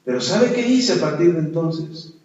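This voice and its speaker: A man preaches from the pulpit, his voice high-pitched and emphatic as he calls out to the people. He sounds distant and muffled, swimming in the heavy echo of a church hall. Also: expressive, moderate pace, darkish tone. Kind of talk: sermon with personal testimony. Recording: echoey, dull hall sound from far off.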